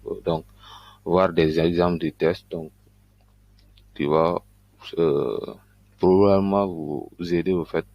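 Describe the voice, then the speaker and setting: A man giving a casual screen-recording tutorial on earning money online, talking in a loose, halting way with frequent fillers. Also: deep voice, creaky, muffled recording. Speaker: online business YouTuber.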